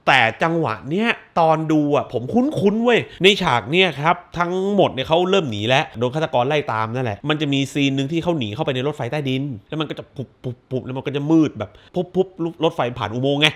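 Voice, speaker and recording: A high-pitched man talking through a horror film in loose, profane slang. His voice swings up and down as he gets carried away acting out scenes. Some lines break into shouts. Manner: animated, crude slang, acts out scenes with shouts. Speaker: movie reviewer. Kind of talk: casual spoiler movie review.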